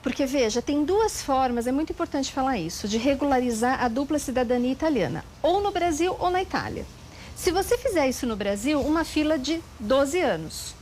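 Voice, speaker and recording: A Brazilian woman lawyer calmly explaining legal procedures step by step as an interview guest. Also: high-pitched, fairly quick, slight background noise, poor audio. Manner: calm, methodical, precise explanations.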